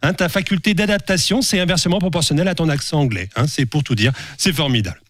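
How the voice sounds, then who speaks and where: A man's voice: fairly high pitch, quick pace, fairly bright tone, no echo. A man giving a satirical, teasing editorial on a radio show in a studio. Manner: teasing, mocking. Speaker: radio columnist. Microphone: studio microphone.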